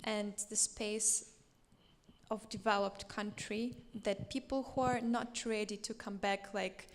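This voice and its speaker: A woman's voice: mid-range voice, level tone, takes it slowly, big-room sound. A woman from Ukraine, a non-native speaker, answering hesitantly as a panel guest and searching for words. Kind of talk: panel discussion. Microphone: handheld microphone.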